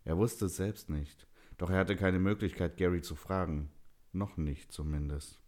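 A man narrating a dramatic Christmas story as an audiobook, steady and storytelling. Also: deep voice, moderate pace.

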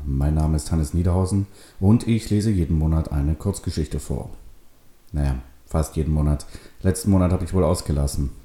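Deep, very dark-voiced male storyteller. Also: reverberant. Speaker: host and reader. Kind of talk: reading a short story aloud.

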